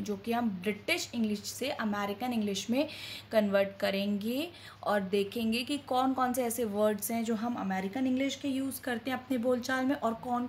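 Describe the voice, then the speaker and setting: A woman with a slightly high voice teaches a lesson. She poses questions to her viewers and answers them herself. She keeps calling them friends. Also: slight background noise. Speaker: English teacher. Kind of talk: classroom-style teaching.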